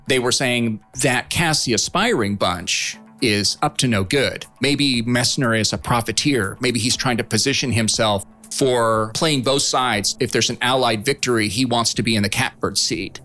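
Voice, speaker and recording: A man's voice: medium pitch, bright, forceful tone. A man speaking conversationally as an interviewed expert, explaining events.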